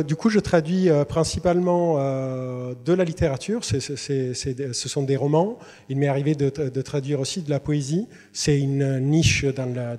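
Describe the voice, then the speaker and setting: A man with a warm, medium-pitched voice, a literary translator and native Italian speaker, addresses students in a university lecture hall. His delivery is hesitant, marked by many fillers and restarts, and the large hall gives the recording a long reverb.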